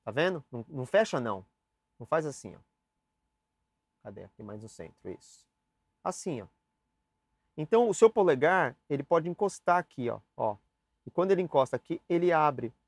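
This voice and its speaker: On the high side and very animated, a young man talks at a moderate pace with frequent pauses as he teaches saxophone basics in a casual, chatty lesson. He demonstrates and addresses the viewer directly, captured dry on camera mics as the cameras switch.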